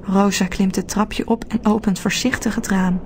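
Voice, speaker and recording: A woman narrating a children's storybook audiobook in a steady, clear telling. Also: medium pitch, moderate pace, a little hiss or hum.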